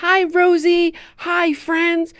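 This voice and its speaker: A woman voicing a curious, excitable child in a scripted children's lesson cartoon, asking questions with wide-eyed eagerness. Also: very high voice, drawn-out words, no room sound, full character voice. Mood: friendly.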